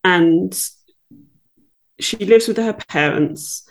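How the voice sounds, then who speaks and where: A woman's voice: lowish voice, very slow, vocal fry. A woman guest on a casual podcast who talks enthusiastically and bluntly and laughs easily.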